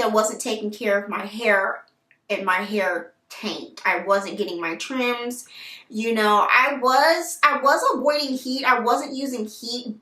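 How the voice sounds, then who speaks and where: A woman vlogger telling her story to viewers in a chatty, animated way, talking straight to them. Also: medium pitch, distant mic. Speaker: hair care vlogger. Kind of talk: casual storytelling to camera. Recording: roomy echo, voice set back from the mic.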